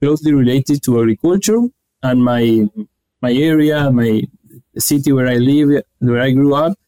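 A young man from Argentina, giving earnest, halting answers as an interview guest. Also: medium pitch, dark tone, smooth, rough recording. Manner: earnest, halting, restarts phrases. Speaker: guest researcher.

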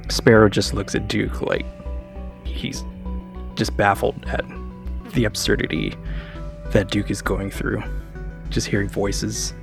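Brief: gravelly man as a tabletop player, low pitch. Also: little pitch movement, slow pace, pauses often, over music.

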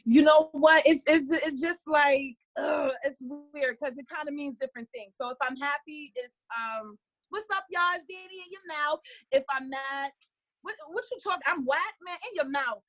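A woman in her late twenties with a New York accent, a guest chatting in an interview who laughs often and talks in animated, trailing bursts. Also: high voice, normal speed. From Harlem, New York. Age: late 20s. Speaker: guest, artist. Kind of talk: casual interview chat.

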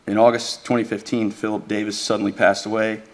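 A man speaking as an attorney, giving a measured, deferential, formal oral argument in a courtroom. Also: lowish voice, flat delivery. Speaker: attorney arguing an appeal.

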